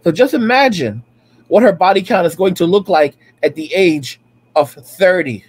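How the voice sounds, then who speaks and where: A man in his late thirties reacts to clips from home, his high, expressive, slightly rough voice moving at a moderate pace. As a reaction streamer, he rants over the footage in a preachy way that keeps circling back to the same points.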